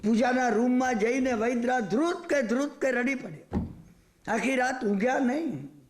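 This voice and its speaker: A man preaching a storytelling sermon, animated, often turning to the listeners with asides. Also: very high voice, moderate pace, echoey room. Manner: animated, rhetorical asides to the audience.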